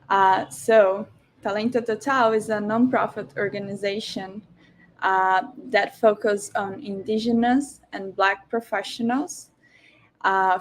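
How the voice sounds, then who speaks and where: Slow-talking woman hosting a video session. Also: medium pitch. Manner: slow, welcoming, with frequent fillers. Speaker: host of an online information session. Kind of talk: hosting a virtual info session. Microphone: video call.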